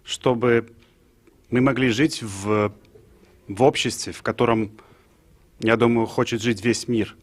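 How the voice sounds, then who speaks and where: A man gives an impromptu address to a group in a hesitant, halting way, searching for his words. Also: mid-range voice, steady tone. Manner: hesitant, halting, clearing throat. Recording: clearly noisy live room recording.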